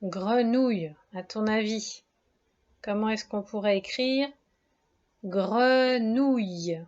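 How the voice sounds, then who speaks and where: A woman's voice: medium pitch, takes it slowly, a little mellow. A woman teacher giving a spelling dictation lesson to young children, breaking words into syllables, careful and encouraging. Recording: dull lo-fi sound.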